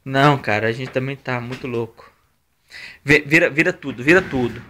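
A man's voice: medium pitch, moderate pace, bright, forceful tone. A young man with a Brazilian accent chatting casually as he urges others on in repeated, sweary bursts while moving furniture. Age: young adult. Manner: urging, repetitive exclamations, swearing. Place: small laundry room by an outdoor entrance. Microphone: handheld camera or phone. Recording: noisy handheld amateur video with clicks.

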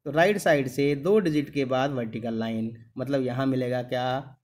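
In a medium-pitched, darkish voice at normal speed, a middle-aged man leads a maths lesson in the classroom. He repeats every step patiently, calling students "beta" and checking their understanding with a frequent "clear?"

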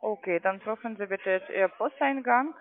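A man working a call centre line, a non-native speaker whose first language is not German, tries to sell trading accounts using ungrammatical phrasing. His voice is high-pitched at normal speed, and the telephone audio is narrow and muffled.

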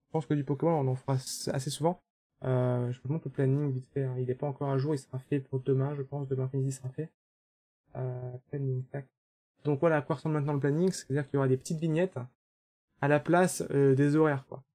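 A young French man streaming a video game and chatting casually, relaxed, with fillers and the odd swear word. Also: mid-range voice, fast. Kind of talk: casual chat.

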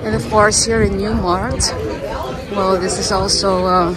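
A woman giving a casual walking-tour narration outdoors on city streets, talking hesitantly with many filler pauses. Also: medium pitch, steady tone, over a noisy crowd, rough recording. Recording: street noise around the voice.

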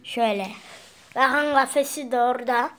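A woman's voice: high-pitched, steady tone, normal speed, fairly bright tone, slight background noise. A woman filming a casual home video, talking to viewers and cooing at her pet bird. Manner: keeps addressing viewers as friends, coos at the bird. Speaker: vlogger showing a pet parrot. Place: at home indoors.

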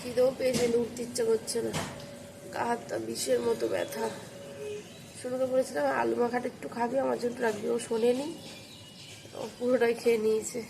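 A young vlogger, feverish and worn out, talks through a casual home vlog in a tired, low-key and subdued way. Her voice has a level tone, vocal fry, a moderate pace and frequent pauses, captured on a phone camera in a noisy home recording.

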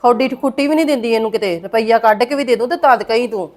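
Woman acting as a suspicious homeowner, Punjabi accent, rapid, fairly high voice, probing. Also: a little mellow, close to an everyday voice. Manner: probing questions, blunt. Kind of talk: Punjabi short-film acting.

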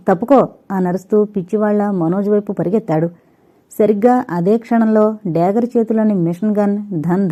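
A woman narrating a suspense thriller audio novel in a steady, dramatic storytelling manner. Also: medium pitch. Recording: dull lo-fi recording.

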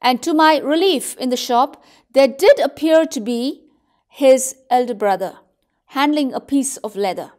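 A woman with an Indian English accent teaches literature, her voice sitting high. She reads passages from a story and then retells them plainly, filling gaps with "you know" and "uh". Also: unhurried, darkish tone. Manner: reads passages then paraphrases with many fillers. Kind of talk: reading aloud and explaining a story.

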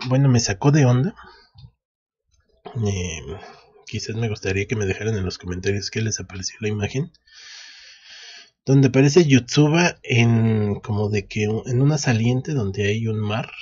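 A man's voice: lowish voice, a little mellow, husky, dull audio. A man recapping a manga chapter in a casual way, reading the lines aloud with frequent restarts. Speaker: anime recap host. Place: at home.

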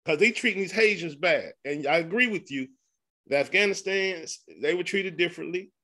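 A man's voice: high voice, normal speed, bright, forceful tone. A man hosting a podcast, talking loosely and laughing often, with 'man' tacked onto his sentences. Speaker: podcast host. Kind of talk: casual conversation.

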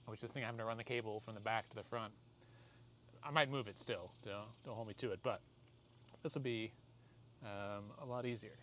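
Speaking fairly quickly in a steady, lowish voice broken by long pauses, a forties-aged American man rambles self-deprecatingly through installing a product for a hands-on vlog. He's outside in a driveway and inside a parked car, caught by a camera or phone mic a few feet off at most, with noisy audio and clear background noise.

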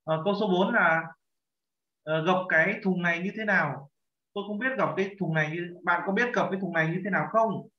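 A man teaching a language lesson, patiently correcting pronunciation and slowly repeating phrases. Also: sits high. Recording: echoey, dull lo-fi room sound.

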